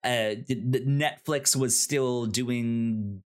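In a mid-range voice delivered extremely slowly, a man co-hosts a podcast reviewing a TV show. The talk is casual and unscripted, full of repeated words and syllables, and he animatedly acts out imagined dialogue.

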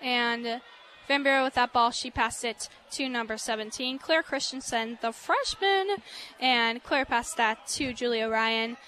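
A woman's voice: a little high, a little slow, few pauses, pushed and bright, a little hiss or hum. A young woman putting on an old person's voice while calling a lacrosse game. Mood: slow, creaky. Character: old woman sports announcer. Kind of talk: commentary.

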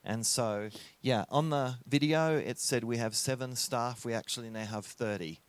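An Australian man who is a guest preacher, giving a friendly, joking sermon in short phrases and pausing for an interpreter. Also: medium pitch, clear, resonant tone. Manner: friendly, jokey, pauses for the interpreter.

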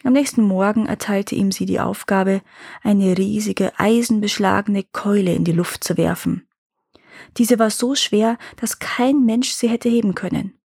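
A woman narrating a fairy tale in calm, measured scripted storytelling. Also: mid-range voice, creaky, breathy edge, no echo, clean studio sound. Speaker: storyteller reading fairy tales.

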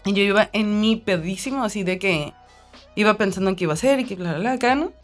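Podcast host, woman, Mexican accent, mid-pitched, animated storyteller who slips into the voices she quotes; faint music under her. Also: fast talker. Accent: Mexican Spanish. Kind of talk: casual chat.

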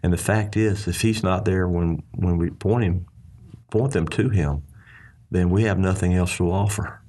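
Talking about faith in a casual discussion, a Southern US ministry leader sounds folksy and earnest, frequently starting his sentences over. His mellow voice sits low and keeps a moderate pace.

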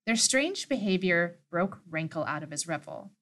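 A woman's voice: on the low side, big pitch swings, normal speed, fairly bright tone. A woman co-hosting a podcast, reading and recapping a story with amused, chatty asides. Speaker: podcast co-host. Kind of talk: casual chat and story recap.

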